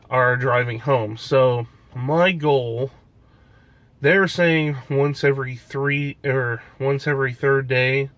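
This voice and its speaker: A man's voice: mid-range voice, fairly bright tone, a little hiss or hum. A young man with a stuffy nose, talking casually in a vlog and rambling with fillers and restarts. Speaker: vlogger.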